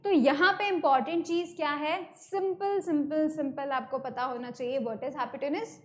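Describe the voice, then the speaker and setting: This is an Indian woman whose voice sits high, moving at a moderate pace through an online math class. She breaks things into steps, repeats the key vocabulary, and works English terms into her Hindi.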